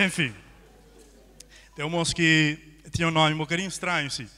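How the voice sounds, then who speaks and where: A man's voice: on the high side, normal speed, some chatter behind, a little hiss or hum. Cape Verdean man telling jokes on stage. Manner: lively joke-telling. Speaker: stand-up comedian. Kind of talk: stand-up storytelling. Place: stage in a theatre. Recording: long hall reverb.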